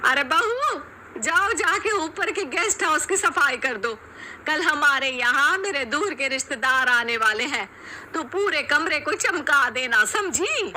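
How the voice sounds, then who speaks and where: A woman's voice: high voice, expressive, unhurried, bright, forceful tone, a little hiss or hum, voice pushed up, exaggerated voice. Woman doing a stern, scolding mother-in-law. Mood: commanding. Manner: scolding, commanding.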